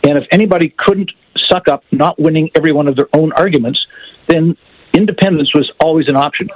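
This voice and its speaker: A man speaking over the phone as a call-in guest, frank and brisk, often repeating words as he restarts. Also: on the high side, breathy edge, no room sound. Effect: heard over the phone. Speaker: call-in guest, former politician. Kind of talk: casual call-in chat. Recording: muffled phone line, dry.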